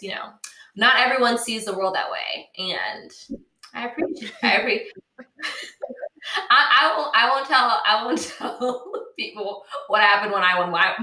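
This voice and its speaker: A woman hosting a casual chat, effusive and quick to laugh. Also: mid-range voice. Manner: warm, effusive, laughs easily. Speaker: podcast host. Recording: roomy sound from off mic.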